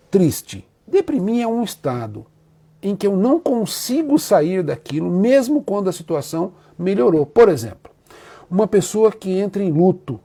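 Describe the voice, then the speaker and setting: Husky, warm-voiced Brazilian man. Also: sits high. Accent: Brazilian Portuguese. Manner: emotional, openly moved, speaks with feeling. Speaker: Umbanda priest and teacher. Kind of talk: heartfelt live talk to viewers.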